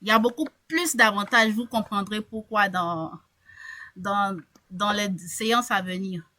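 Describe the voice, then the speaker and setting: A woman coaching a group on a video call, lively and encouraging, often repeating words as she thinks. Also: mid-range voice, unhurried. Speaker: English coach. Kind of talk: online group coaching session.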